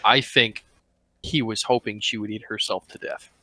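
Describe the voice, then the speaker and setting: A man's voice: lowish voice, steady tone, moderate pace, bright, forceful tone, dry recording. A man co-hosting a movie-review podcast, chiming in with dry, sarcastic one-liners. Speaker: podcast co-host. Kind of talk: casual movie-review chat.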